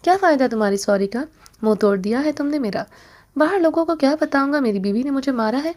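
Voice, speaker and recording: Proud, sulky young husband in a romance audiobook, a woman lowering her voice for him, mock-grumbling and teasing. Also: animated, darkish tone.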